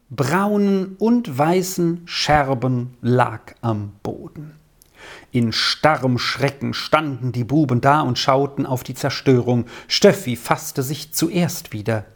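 A reader narrating a German storybook in an expressive, melodic storytelling manner. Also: medium pitch. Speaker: audiobook reader.

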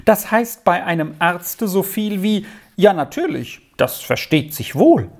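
A storyteller voicing a fretful aunt who wails and laments loudly in a high voice. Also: sing-song, measured pace. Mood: pleading. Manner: high, loud, wailing. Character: fretful wailing aunt, woman, middle-aged.

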